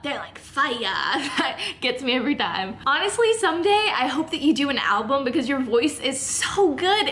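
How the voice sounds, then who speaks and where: A woman's voice: sits high, bright, forceful tone, slight background noise. A woman vlogger recording a bubbly, gushing birthday message as a fan.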